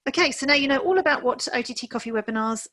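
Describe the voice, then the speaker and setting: A woman's voice: high-pitched, lively intonation, racing, pushed and bright. A woman hosting an online training webinar, chatty and friendly, with the odd filler. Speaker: webinar host.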